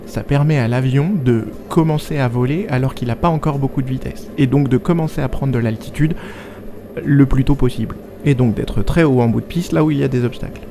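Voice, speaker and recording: A man's voice: mid-range voice, noisy background. A man who is a student pilot, giving a casual, self-deprecating explanatory voice-over. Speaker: student pilot narrating own flight video. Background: music.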